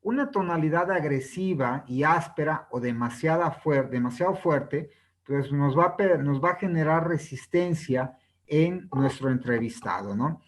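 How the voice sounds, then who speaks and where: A man talks through a sales book as a lesson, in a voice pitched a little above the usual for a man. He checks in with his listeners through a steady "no?" after his points and acts out sample questions to show how intonation changes them. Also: measured pace, low-quality recording. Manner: ends many phrases with a questioning "¿no?" tag. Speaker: presenter reviewing a sales book. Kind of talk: explanatory lesson.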